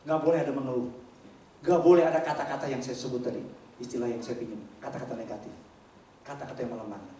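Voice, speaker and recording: A male pastor giving an animated sermon, with rhetorical questions, loud emphatic peaks and casual slangy asides to the congregation. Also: mid-range voice, slight background noise. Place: church hall. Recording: echoey church hall from a distant mic.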